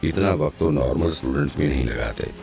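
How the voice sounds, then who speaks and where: A man's voice: very deep voice, quick pace, gravelly, darkish tone, faint music behind. A man doing an anxious young student. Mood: worried.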